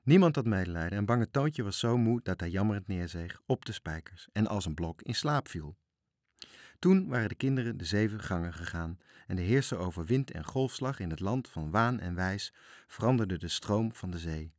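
A man narrates a children's story with a low voice and lively expression. The recording is close and dry, with no room sound. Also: normal speed, no room sound.

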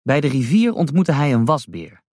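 A man reading a rhyming children's story aloud as a storyteller, slow and expressive. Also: mid-range voice, no room sound, studio quality.

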